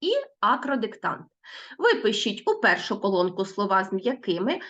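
A woman teacher giving a recorded lesson to schoolchildren, slowly spelling out sounds and words. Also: medium pitch, creaky, fairly bright tone, highs cut off.

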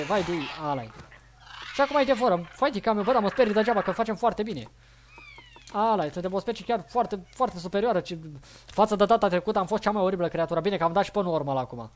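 Young man, high voice, livestream gameplay commentary, loud, excitable, exclamations, playful taunts. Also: a little hiss or hum. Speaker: gaming livestreamer.

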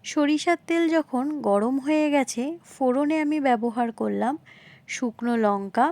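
A home cooking video host with a high, slightly mellow voice narrates a recipe as an instructional voice-over. Unhurried, polite, and talking straight to her viewers, she repeats each point as she explains it, and the sound is close and dry with no room ambience.

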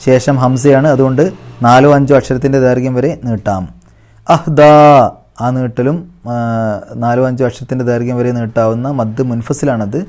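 A man teaching Quran recitation rules, chanting short phrases slowly and higher before explaining each in a lower, softer voice.

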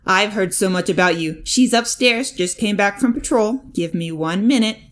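A woman voicing a cheerful, teasing male hero boss in a fanfic audiobook, speaking loud and bright, well above her own pitch. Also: normal speed, lightly acted.

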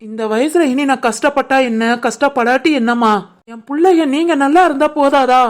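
A woman voicing a soft-hearted village mother in an animated family drama, gentle and pleading, with a southern Tamil Nadu village dialect. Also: high voice, moderate pace, lightly acted.

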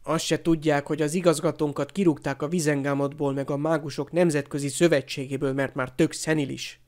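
A man's voice: a little high, little pitch movement, natural voice. A man doing a resentful, hot-tempered teenage boy. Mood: hostile. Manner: hissing, shouting outbursts.

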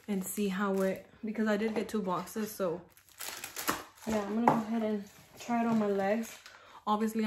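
A young woman chats frankly to her camera at home, her speech full of likes and easy fillers. Her voice sits mid-range in pitch and comes through a simple camera mic. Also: background noise. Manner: chatty, filler-heavy, frank. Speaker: vlogger. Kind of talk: casual vlog talk to camera.

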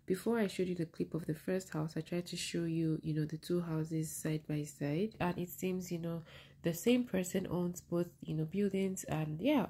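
A woman's voice: low-pitched, vocal fry, warm tone, slightly rough. A woman vlogger narrating a rental house tour in a casual, chatty voice-over, full of "you know" fillers.

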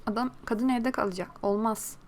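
A woman giving casual, teasing commentary while playing a life-simulation game, reacting lively to what happens. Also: a little high, moderate pace, a little hiss or hum. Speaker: gaming video creator.

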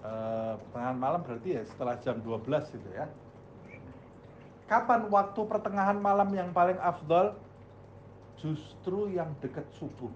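A male Islamic teacher delivers a religious study lecture, asking the audience questions and then answering them himself. His voice is a little high with lively intonation at a moderate pace. The audio is dull, with slight background noise.

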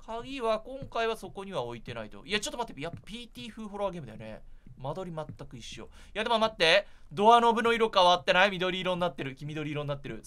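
A gaming streamer with a high voice gives casual, chatty gameplay commentary to his viewers, sounding jittery throughout. The recording is very noisy.

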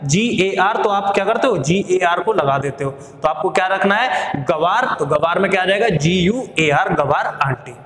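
A man's voice: high-pitched, expressive, normal speed, a bit bright. A young Indian man teaching spelling tricks in a casual spoken lesson, often asking his own questions and then answering them. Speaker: exam coaching teacher. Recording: echoey room with long reverb.

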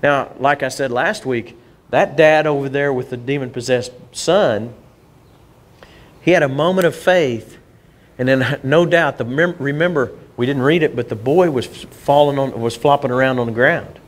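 A man's voice: mid-range voice, moderate pace. A male pastor, preaching a conversational sermon to his church, often restarting and repeating words as he goes.

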